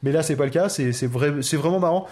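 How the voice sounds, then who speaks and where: A man co-hosting a podcast in relaxed casual chat, hesitating with many fillers. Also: on the high side, quick pace. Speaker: podcast co-host.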